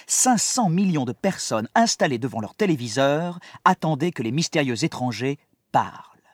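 A man narrating a children's story aloud in an expressive, dramatic audiobook style. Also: mid-range voice, normal speed, no echo. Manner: lively and dramatic, shifting with the story.

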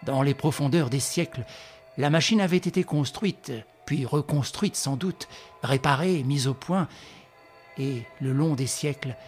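A man reading a novel aloud as audiobook narration, in a grave, measured storytelling manner. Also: mid-range voice, soft background music. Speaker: reader.

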